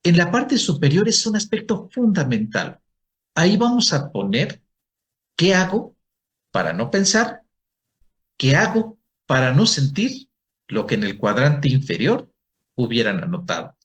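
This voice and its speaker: A man's voice: on the high side, very animated, a little slow. A male psychologist giving a workshop to an audience, asking questions and answering them himself. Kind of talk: presentation talk to an audience.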